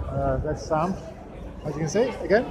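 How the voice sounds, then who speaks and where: A man's voice: fairly high pitch, expressive, normal speed, a loud crowd. A man chatting casually and cheekily to viewers as he films a road-trip vlog outdoors. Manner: chatty, cheeky and sweary, addresses viewers directly. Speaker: vlogger. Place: outdoors, roadside, airport and stadium. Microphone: handheld camera. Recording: loud outdoor noise with traffic and jets.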